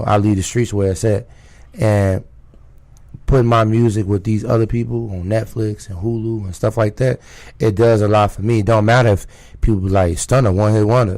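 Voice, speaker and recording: A raspy-voiced rapper from Chicago, talking loosely as a guest on a radio interview, full of fillers like "you know" and "um". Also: male voice, lowish voice, steady tone, moderate pace, a little mellow. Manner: loose, street-casual talk with many fillers.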